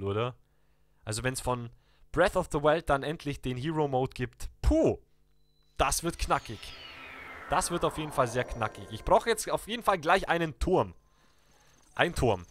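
A young man with a German accent, chatting excitedly to viewers while playing a video game. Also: mid-range voice. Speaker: let's play gamer. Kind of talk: live game commentary.

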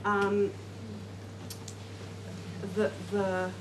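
In a completely flat, medium-pitched voice with drawn-out words, a middle-aged woman addresses a seated classroom group informally, rambling with frequent fillers and restarts. The sound comes from a far camera, roomy and noisy.

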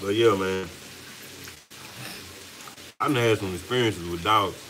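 A man co-hosting a home cooking vlog, telling a story in an animated, laughing way with casual slang. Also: lowish voice, measured pace, slight background noise, rough recording. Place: home kitchen with frying food.

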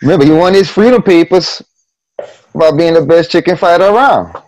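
A man's voice: a little high, a little fast, a little mellow, no echo, poor audio. A man in casual chat on a video call, telling a story and calling the others "my brother". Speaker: panelist.

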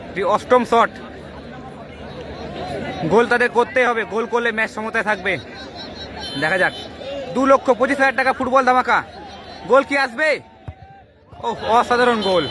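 A man calling a penalty shootout live, in excited, urgent football commentary full of repeated exclamations. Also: very high-pitched. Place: outdoor football ground during a match. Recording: noisy outdoor stadium with loud crowd. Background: loud crowd and noise.

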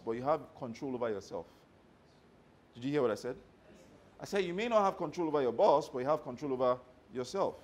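Animated man giving a workshop talk. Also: on the high side. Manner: animated storyteller who checks in with the audience. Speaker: motivational trainer. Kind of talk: live workshop talk to staff.

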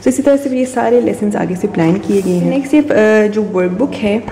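Low gravelly woman explaining a homeschool curriculum, warm mellow voice, bit of hiss behind. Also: animated, a little fast. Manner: mixes Hindi and English, many fillers, demonstrates words aloud. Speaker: homeschooling parent reviewing a curriculum. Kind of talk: casual curriculum walkthrough.

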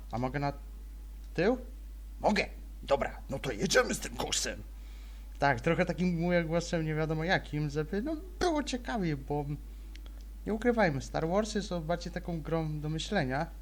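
A young man giving casual, rambling let's-play commentary, chattering almost without pause as he plays. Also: medium pitch, darkish tone. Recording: faint noise, game sound behind.

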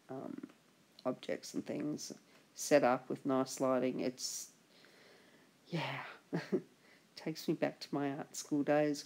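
In a relaxed, chatty voice-over, a woman art instructor talks through a drawing lesson in a low voice made husky and gravelly by a chest infection. She stays encouraging but frequently trails off before picking a thought back up.

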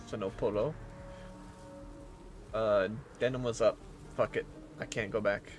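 A man playing a survival game and commenting to himself, muttering, cursing and jumping into loud bursts. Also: on the low side, fairly even intonation, measured pace, soft background music. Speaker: gamer. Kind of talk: let's play commentary.

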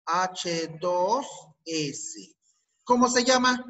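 A man's voice: sits high, animated, extremely slow, a bit bright, low-quality recording. A man teaching a chemistry class with a Peruvian Spanish accent, asking students questions and repeating their answers. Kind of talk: online class lesson.

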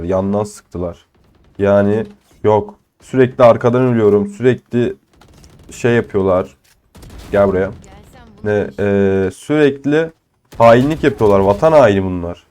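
A young man with a cold, giving casual, excitable commentary over his own shooter gameplay, swearing and teasing opponents. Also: mid-range voice. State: ill with a cold. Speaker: gaming channel host.

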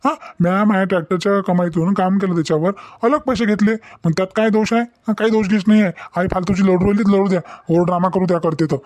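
A man's voice: high voice, fairly even intonation, fast talker, hardly any pauses, a little mellow, no room sound, lightly acted. A man voicing an exasperated middle-aged village father in a cartoon. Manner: rambling, exasperated. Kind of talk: cartoon voice acting.

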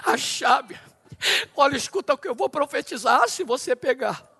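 A man pastor from Brazil leading a Bible study in a church, preaching with rising shouts and prophetic declarations. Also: very high voice, animated, normal speed, creaky. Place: church hall.

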